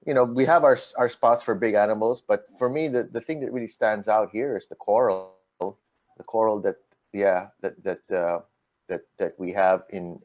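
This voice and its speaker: A man's voice: medium pitch, darkish tone. A man from the Philippines, a dive panel guest, talking casually and hesitantly with many restarts. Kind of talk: casual chat.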